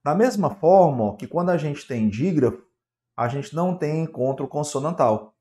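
A man's voice: on the high side, animated, normal speed, warm tone. A man with a Brazilian Portuguese accent giving an exam-prep grammar lesson, asking questions aloud and answering them himself. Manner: asks questions in a student's voice and answers them himself, with frequent tag questions. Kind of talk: classroom grammar lecture.

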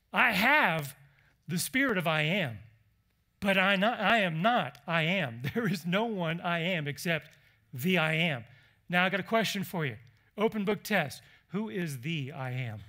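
In a church, a high-voiced male pastor delivers a sermon in an animated, conversational way, asking questions of the congregation.

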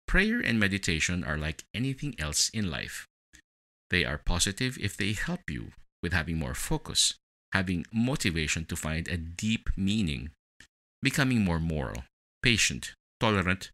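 A deep-voiced man hosts a meditation podcast, narrating in a scripted, deliberate way. His delivery has a bright, forceful edge and lively rises and falls in pitch.

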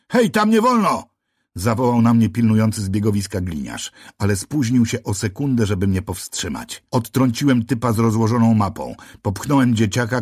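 A man's voice: fairly low pitch, darkish tone, husky, no room sound, clean studio sound. A man narrating an audiobook in the first person, with a tense, brooding delivery.

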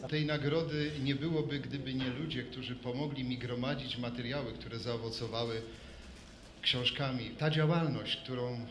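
A man's voice: mid-range voice, fairly even intonation, moderate pace, a bit bright. A middle-aged or older man giving a reflective, storytelling acceptance speech. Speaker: award laureate, photographer. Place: hall at a public ceremony. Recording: echoey hall with clear noise.

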